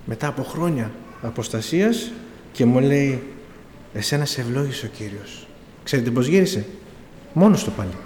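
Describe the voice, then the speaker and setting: In an echoey hall with a bit of room noise, a middle-aged man preaches his testimony, telling his story through quoted dialogue and pleading emphasis. He sounds animated, with a darkish, medium-pitched voice and frequent pauses.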